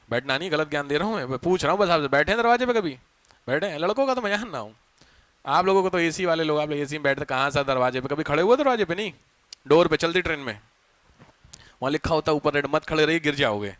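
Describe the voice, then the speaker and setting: A male teacher giving a chatty geography lecture to a class, dictating notes slowly and asking students questions between anecdotes. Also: a little high, fairly bright tone, dry recording.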